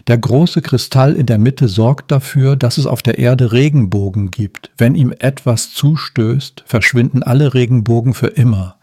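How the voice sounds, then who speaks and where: A man's voice: mid-range voice, moderate pace, few pauses, mellow, husky, dry recording, studio quality, natural voice. A man voicing a proud, strict female seagull who guards a magic cave, speaking in a stern, commanding way. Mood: firm.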